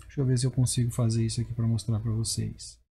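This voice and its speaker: Husky, mellow-voiced male math teacher. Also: medium pitch, little pitch movement, fast talker. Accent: Brazilian Portuguese. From Brazil. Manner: explanatory, keeps checking in with the viewer. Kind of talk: recorded whiteboard lecture.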